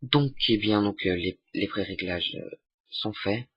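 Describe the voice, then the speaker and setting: A young man giving a casual software tutorial, hesitant with many fillers and restarts. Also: fairly low pitch, measured pace, husky, no echo. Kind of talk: casual screen-recorded tutorial. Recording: dull lo-fi desktop mic.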